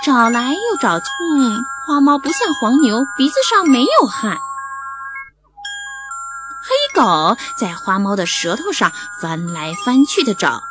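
Expressive woman reading a bedtime story. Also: on the high side, unhurried. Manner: expressive, animated. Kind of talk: children's bedtime story narration. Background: background music.

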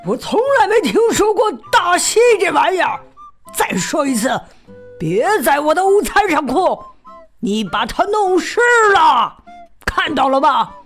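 A woman's voice: high voice, very animated, measured pace, faint music behind. A woman voicing a rude, hungry male elephant who bullies and blusters in a storybook reading. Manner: gruff, bossy and loud.

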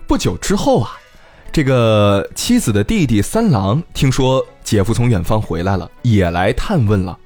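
A man's voice: on the low side, big pitch swings, moderate pace, darkish tone, soft background music. A man hosting a casual storytelling podcast, retelling a tale in a chatty way and speaking directly to listeners. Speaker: podcast host.

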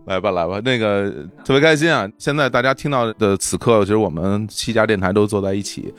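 Low-voiced, laughing male podcast host. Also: brisk, soft background music. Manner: laughs often, repeats words when excited. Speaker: podcast host being interviewed. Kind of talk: casual group podcast chat.

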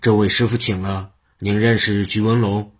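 A scheming bandit in a told tale who poses as a gallant swordsman, smooth and ingratiating, as a male storyteller voices him. The voice is low with a husky edge. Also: flat delivery, normal speed.

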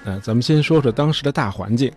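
A man's voice: mid-range voice, lively intonation, fast talker, music in the background. A man hosting a history show, telling events in a chatty, casual way with many fillers.

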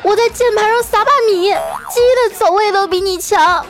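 A woman voicing her bratty young nephew in a shrill, whining tantrum, with music playing behind. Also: normal speed, a crowd in the background. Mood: whiny tantrum. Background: background music.

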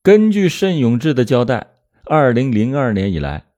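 A man's voice: mid-range voice, big pitch swings, moderate pace, warm tone. A man hosting a show and telling a true-crime story in a dramatic, emphatic manner. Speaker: storyteller and host.

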